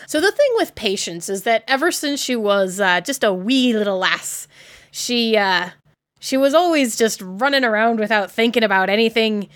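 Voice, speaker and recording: A woman's voice: fairly high pitch, animated, normal speed, a bit bright. A woman voicing a stern, protective older aunt in a tabletop game, with a folksy put-on accent and a scolding manner.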